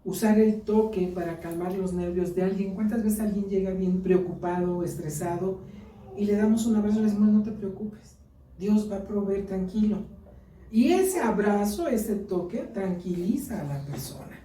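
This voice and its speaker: In an echoey church hall with the mic placed far away, a woman with a Mexican accent teaches an earnest Bible lesson and weaves in personal stories. Her mid-range voice has a dark tone at normal speed, with a little hiss or hum in the recording.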